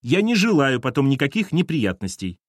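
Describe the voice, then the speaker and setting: A man's voice: medium pitch, very animated, moderate pace, no echo, clean studio sound. A man reading an audiobook, voicing an insistent, reproachful woman in her thirties. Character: nervous pushy ex-wife, mid-thirties woman. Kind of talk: audiobook character voice.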